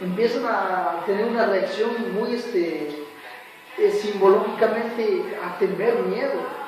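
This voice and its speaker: This man's voice sits high and moves at a slow pace as he earnestly and dramatically recounts his personal testimony in church, performing the voices of people in the story. The audio is very echoey and distant from the mic, with faint music and slight background noise.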